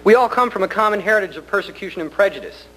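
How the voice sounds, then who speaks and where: A man delivers a prepared public speech at a government meeting in an earnest, deliberate and polite way. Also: high voice, lively intonation, a bit bright, soft background music. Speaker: community center director addressing a county commission. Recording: noisy hum, 1990 public meeting recording.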